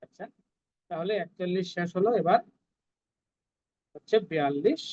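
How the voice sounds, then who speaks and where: A woman teaching Sanskrit verse recitation, chanting each line slowly and then explaining the pronunciation in quick, plain speech. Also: fairly low pitch, warm tone, muffled recording. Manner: slow drawn-out chanting alternating with quick explanations.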